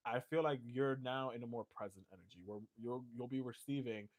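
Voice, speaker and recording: A man's voice: medium pitch, fairly even intonation, brisk. A man giving a casual tarot reading in a loose, joking way, swearing and laughing often. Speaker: tarot reader.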